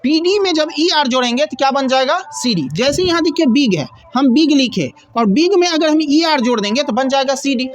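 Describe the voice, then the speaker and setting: A woman's voice: sits high, lively intonation, moderate pace, few pauses. A woman teaching a grammar lesson, explaining step by step and asking and answering her own questions.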